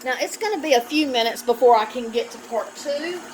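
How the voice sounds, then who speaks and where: Her voice sits high, animated and a touch quick, as she walks viewers through a relaxed cooking demo with friendly, loving chatter. She's a home cooking vlog host filming indoors on a counter-top phone camera amid the racket of dishes.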